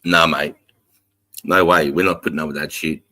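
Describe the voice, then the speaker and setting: A man's voice: extremely low pitch, steady tone, normal speed, sharp tone. An Australian man in his forties chatting casually and bluntly, swearing heavily and using blokey Aussie slang. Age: 40s. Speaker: military veteran and podcast talker. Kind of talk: casual chat.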